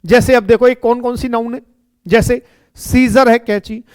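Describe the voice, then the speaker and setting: A man's voice: very high-pitched, steady tone, darkish tone, smooth, no room sound. A man teaching an English grammar class, explaining step by step, repeating himself and checking in with his students. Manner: explains slowly and repeats, often checking with "ठीक है" and "है ना". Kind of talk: classroom lecture.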